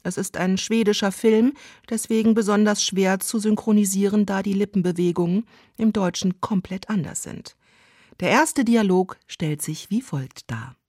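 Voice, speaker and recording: A woman's voice: medium pitch, normal speed, a little mellow, breathy edge, no room sound. A woman comedian telling a comic story in a dry, matter-of-fact way.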